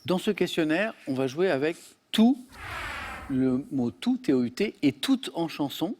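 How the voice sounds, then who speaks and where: Quiz host, male, slightly higher voice, brisk and crisp delivery, studio. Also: sing-song, darkish tone, a little hiss or hum. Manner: brisk, reads questions crisply. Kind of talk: game show hosting. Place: television studio.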